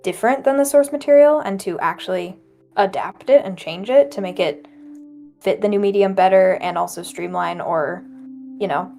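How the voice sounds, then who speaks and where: Woman, friend on a let's-read stream, mid-pitched, chatty and thoughtful, faint music behind. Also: moderate pace, creaky, dark tone. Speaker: co-reader, friend of host. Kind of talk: casual chat.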